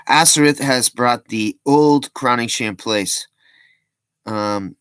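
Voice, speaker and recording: A man's voice: mid-range voice, takes it slowly, a bit bright, smooth, no echo. A man giving casual, rambling commentary as a vlogger, breaking off with joking asides and plenty of ums and restarts.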